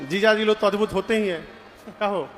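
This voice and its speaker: A man's voice: high-pitched, a little fast, fairly bright tone. A man giving a devotional sermon, talking with his audience and acting out the dialogue in his stories. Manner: conversational, questions the audience, acts out dialogue. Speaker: kathavachak, religious storyteller. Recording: reverberant hall with faint music.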